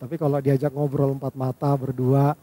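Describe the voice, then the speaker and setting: Mellow-voiced man teaching young people. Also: medium pitch, flat delivery, brisk. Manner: patient, lays out numbered points, ends phrases with "ya" and "gitu ya". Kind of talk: devotional lesson for young listeners.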